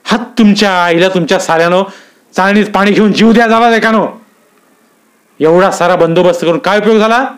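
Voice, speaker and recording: A male storyteller voicing a gruff, abusive middle-aged police inspector who barks and curses at his men. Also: high-pitched, moderate pace, voice pushed up, lightly acted. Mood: angry barking. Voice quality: barking, cursing.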